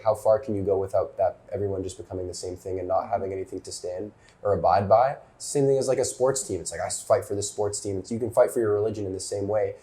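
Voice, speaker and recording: A man of twenty-three speaking as a panelist in a casual discussion, halting with frequent restarts and fillers. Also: lowish voice, dark tone.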